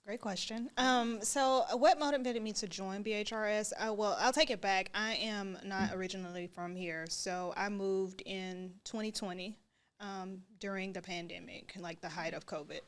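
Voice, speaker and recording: A woman guest answering interview questions in a measured way, with some hesitant fillers. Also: medium pitch, steady tone, clear, resonant tone.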